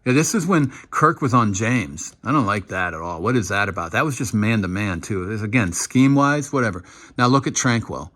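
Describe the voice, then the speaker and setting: A man giving casual, animated commentary while breaking down football game film, now and then acting out what the players shout. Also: fairly low pitch, fairly quick. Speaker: football analyst.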